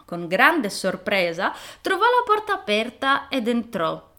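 Animated woman telling a fairy tale. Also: on the high side, measured pace. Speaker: storyteller. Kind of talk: scripted storybook narration.

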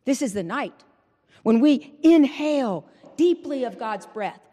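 A woman preacher giving an Easter Vigil sermon into a pulpit microphone, in a measured, rhythmic style with repeated refrains. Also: on the high side, warm tone. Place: large church. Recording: long church reverb.

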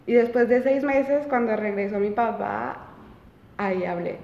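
Recounting her own experiences as an interview guest, a twenty-something woman speaks casually, often using fillers and starting over. Her voice is a little high, unhurried, creaky and slightly mellow. The sound is dull and reverberant in a roomy space, with faint hiss or hum.

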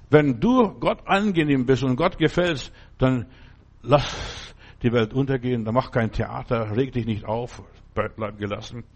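With a somewhat mellow voice, a male preacher gives a conversational, folksy sermon. His intonation leaps around, and he repeatedly asks whether the listener gets it.

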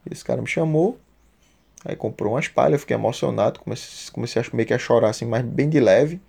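A man's voice: mid-range voice, fast, vocal fry, dark tone, husky. A man telling a personal story casually, emotional and heartfelt, with a lot of slang.

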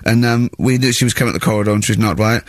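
A man hosting a casual radio chat, telling animated anecdotes and acting out the people in them on a studio microphone. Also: on the low side, rapid-fire, no room sound. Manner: animated anecdote-teller who acts out the people he describes. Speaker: radio host.

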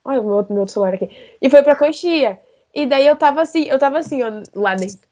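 A woman, a dancer and choreographer, telling stories in a casual podcast chat. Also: quick pace. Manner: animated storytelling, rising pitch at emotional moments.

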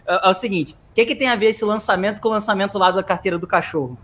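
A man in a casual podcast chat, explaining his points in a measured, deliberate way. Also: high-pitched, fairly bright tone. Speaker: podcast guest commentator.

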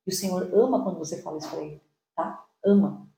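A woman with a Brazilian Portuguese accent, a podcast co-host sharing a faith testimony in an animated storytelling way and laughing often. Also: on the low side, fast talker, gravelly, echoey room, a little hiss or hum.

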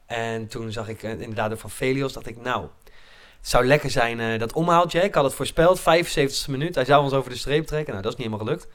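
A man in casual football chat, animated and laughing often, his voice climbing when he gets worked up. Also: medium pitch, fast talker. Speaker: football podcast panelist.

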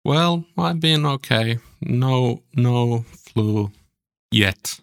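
A man's voice: mid-range voice, extremely slow, creaky. A man, hosting a casual podcast and often repeating words as he goes. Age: 40s. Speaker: podcast host. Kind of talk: casual chat.

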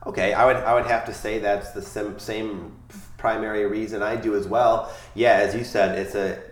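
A male podcast host, nasal from a cold, chatting casually with his wife in a relaxed, rambling way. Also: on the low side, moderate pace, echoey room.

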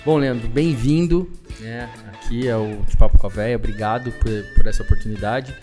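A man's voice: mid-range voice, wildly swooping pitch, a little fast, warm tone, faint music behind. A man hosting a casual interview podcast, asking questions in a friendly, easygoing way. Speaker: podcast host.

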